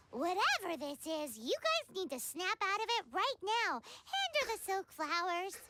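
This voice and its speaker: A woman voicing a small childlike fairy companion in an anime video game, bossy, excitable and exclamatory. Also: very high-pitched, unhurried, noisy background, heavily acted. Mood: disgusted. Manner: exclamatory, refers to self in third person. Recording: music behind the voice.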